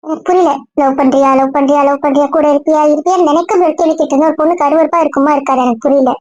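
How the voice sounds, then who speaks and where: Actress as a blunt young woman friend, scolding, very high voice, fast talker, web drama. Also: steady tone, no echo, dull audio, natural voice. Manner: sharp, lecturing, rapid-fire.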